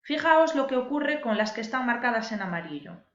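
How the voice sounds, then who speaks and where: A woman's voice: fairly high pitch, lively intonation, fairly quick, a bit bright. A woman teacher, patiently explaining a lesson and stressing key words for her viewers. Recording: echoey room, dull lo-fi sound.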